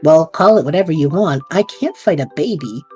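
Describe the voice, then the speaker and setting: Here a woman's low-pitched voice, a little fast, brings to life an excitable, scatterbrained young male adventurer in a fan audio drama. He jokes his way through danger with excited, reckless energy, and faint music sits behind her.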